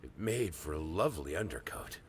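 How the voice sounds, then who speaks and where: A calm creepy painter, real low voice, swings up and down a lot, faint hiss behind. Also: male voice, a little fast. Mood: detached. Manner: calm, matter-of-fact recounting of gruesome work. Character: obsessed male painter narrating grim deeds. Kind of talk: game voice acting.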